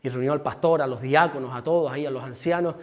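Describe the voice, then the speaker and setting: A man's voice: mid-range voice, fast talker, dull audio. A man who is a pastor preaching a sermon at a church service, telling stories and acting out the people in them. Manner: animated storytelling preacher, acts out quoted speech.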